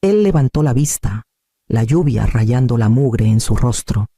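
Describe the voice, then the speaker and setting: A man, calmly narrating a scripted first-person story. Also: mid-range voice, no echo. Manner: calm, measured storytelling.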